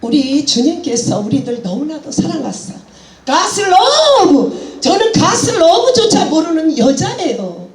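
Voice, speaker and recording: A woman's voice: high-pitched, huge pitch swings, slow pace, roomy sound. A woman preaching a sermon with passion, laughing and exclaiming as she goes, mixing English phrases into her talk.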